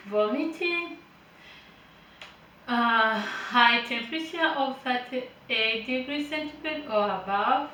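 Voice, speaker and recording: In an informal health lesson, a Ugandan care worker with a fairly high, sharp-toned voice reads from her notes and explains them, using hesitant fillers and light chatty asides. She's not a native English speaker, and Finnish ranks as her third language. Slight background noise, an echoey room and some distance from the mic mark the recording.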